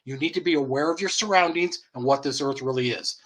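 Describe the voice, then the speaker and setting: A man's voice: a little high, fast talker, a bit bright. A man hosting an online commentary show, blunt and profane, chuckling mockingly as he rants. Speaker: host.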